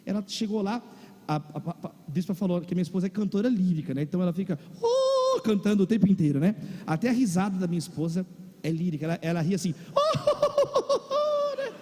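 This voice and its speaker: A man's voice: sits high, quick pace, mellow. A male pastor with a Brazilian Portuguese accent, preaching a sermon and telling a comic personal story to his congregation. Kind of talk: sermon with humorous personal anecdote. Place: large church or auditorium. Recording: long reverb of a large hall.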